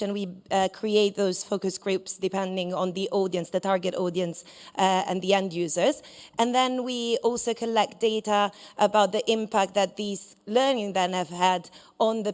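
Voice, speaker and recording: A woman's voice: medium pitch, a little mellow. A woman explains her work in answer to a question at a conference in a large hall. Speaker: conference presenter.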